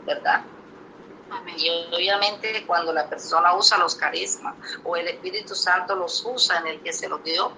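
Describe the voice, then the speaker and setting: A woman's voice: fairly low pitch, pushed and bright, slight background noise, low-quality recording. A woman preacher telling a testimony in a sermon, emphatic and storytelling, often turning to the congregation with rhetorical questions.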